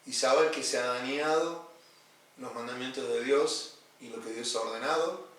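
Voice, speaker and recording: A pastor leads a Bible study, explaining earnestly and repeating his key points. His voice is mid-range and fairly bright at a normal speed, recorded in an echoey room with a distant mic and faint noise.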